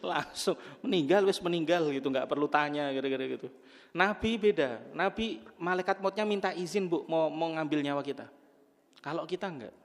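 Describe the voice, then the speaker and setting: A man's voice: fairly high pitch, moderate pace. Guy preaching to the ladies, jokey storytelling, echoey mosque hall. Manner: humorous storytelling, jokes with audience. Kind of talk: sermon to a women's study group.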